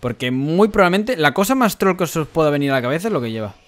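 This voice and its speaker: Chatty young gamer from Spain. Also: male voice, on the high side, sing-song, fast. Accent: Spain Spanish. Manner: chatty, addresses viewers as cracks and chavales. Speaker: gaming YouTuber. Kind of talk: casual gameplay commentary.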